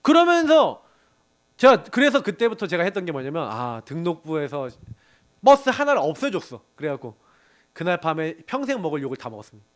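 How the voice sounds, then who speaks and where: A middle-aged male pastor preaching with a high voice. His pitch swings widely as he tells a lively story from his own work, laughing as he goes and acting out what others said. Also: brisk. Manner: animated storytelling with laughs and acted quotes. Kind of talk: sermon to a young adults group.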